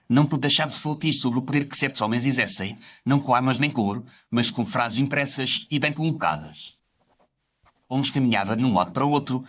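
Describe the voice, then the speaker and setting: Man playing brisk, reflective Dr. Watson narrating. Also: mid-range voice, close to an everyday voice. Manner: literary, formal. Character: reflective, gentlemanly doctor narrating his memoirs. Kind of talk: scripted first-person story narration.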